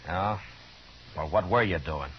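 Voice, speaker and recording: An actor playing a stern, hard-bitten frontier marshal in a 1950s radio western, terse, commanding and grimly sardonic. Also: male voice, low voice, unhurried, slight background noise. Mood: grim interrogating. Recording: dull 1950s radio recording.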